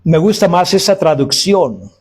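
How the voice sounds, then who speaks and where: A man's voice: high voice, big pitch swings, a little slow, husky. A man preaching a sermon to his congregation, calling them brothers and acting out quoted cries of woe. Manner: preaching, addresses listeners as brothers. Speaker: pastor.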